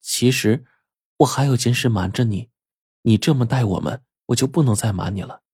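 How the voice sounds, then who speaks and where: A man voicing a gentle, earnest young woman who speaks softly. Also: fairly low pitch, normal speed, breathy edge, no room sound, studio quality. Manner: soft-spoken, earnest.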